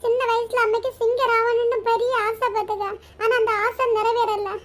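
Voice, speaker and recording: Super high squeaky cartoon kid, worried little daughter, pleading over and over. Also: flat delivery, normal speed, fairly bright tone, slight background noise. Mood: scolding, upset. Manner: pleading, repeats calls of mother. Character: young village daughter, tearful and worried. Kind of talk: cartoon voice acting.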